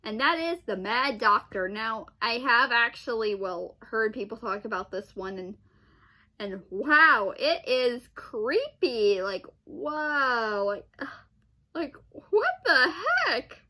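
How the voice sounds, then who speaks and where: A young woman hosts a video, giving casual, off-the-cuff commentary that rambles and hesitates in broken phrases and exclamations. She speaks slowly in a fairly high, sharp voice with lively intonation.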